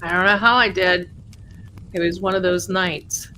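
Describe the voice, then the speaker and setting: A woman with a slightly low voice hosts a live ghost-talking stream over background noise. She chats casually to spirits and viewers alike. Her delivery rambles and halts, with words and phrases often repeated. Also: fairly even intonation, normal speed, bright, forceful tone, low-quality recording. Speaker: livestream host of a spirit communication session.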